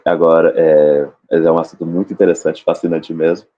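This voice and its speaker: A man's voice: very deep voice, level tone, fairly quick, a little hiss or hum. A man on a live panel explaining sales techniques, acting out short seller and client exchanges as he goes. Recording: dull lo-fi stream audio.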